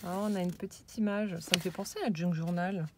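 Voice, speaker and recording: A woman casually showing a handmade scrapbook album, hesitant and searching for words, and often dropping into soft, admiring whispered asides. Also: on the low side, steady tone, a little fast, very noisy. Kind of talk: casual show-and-tell.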